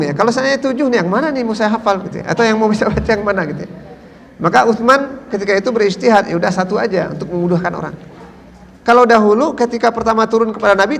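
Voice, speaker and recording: Minang-male preacher, lecture style, quizzes his audience, high pitch, echoing mosque hall. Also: vocal fry. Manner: questions the audience and answers himself, with many tag fillers. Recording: long hall reverb.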